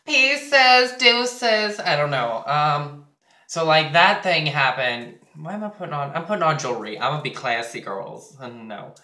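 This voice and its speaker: A man's voice: medium pitch, expressive, moderate pace, bright, forceful tone. A teenage boy vlogging casually while getting ready, candid and crude, with plenty of fillers. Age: teens. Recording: echoey room.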